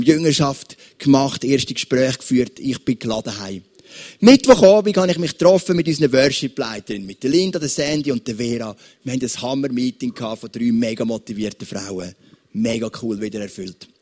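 A man with a Swiss German accent, preaching a sermon as pastor and addressing his listeners with lively examples. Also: on the high side.

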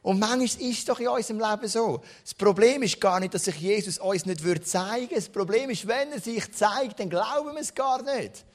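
A man with a Swiss German accent preaching a sermon in an animated storytelling way, swinging between soft and loud. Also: high-pitched, normal speed, hardly any pauses.

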